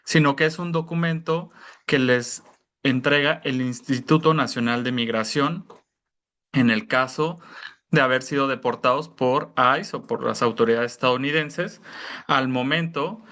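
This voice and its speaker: A man giving a careful explanatory talk on a video call, filling pauses with "eh" and "¿no?". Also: mid-range voice, pushed and bright. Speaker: presenter at an online information session.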